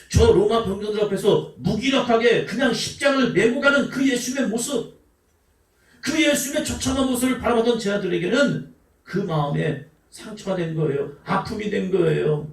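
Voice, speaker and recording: A man preaching a sermon as pastor, emphatic, swinging between shouts and soft asides. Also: sits high, moderate pace. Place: church sanctuary. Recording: echoey church hall from a distant mic.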